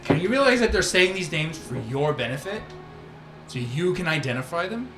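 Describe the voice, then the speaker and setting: A game master improvises tabletop game narration in a high-ish, very animated voice at a moderate pace. His descriptions come piecemeal and conversational, full of "like," with music behind a roomy echo.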